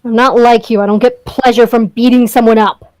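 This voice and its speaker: A woman's voice: a little high, brisk, dry recording, lightly acted, low-quality recording. A woman voicing a curt, bitter young man. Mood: irritated. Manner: flat, clipped and dismissive. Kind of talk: reading a story game aloud.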